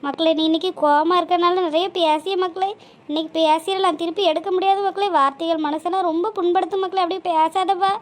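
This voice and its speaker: A woman's voice: very high voice, steady tone, fast. A woman voicing a kindly older woman who pleads and soothes. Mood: pleading.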